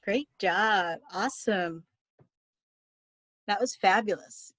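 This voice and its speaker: A woman moderates a class discussion over a video call. She speaks slowly and encouragingly at a middle pitch. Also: a bit bright. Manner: encouraging, praising.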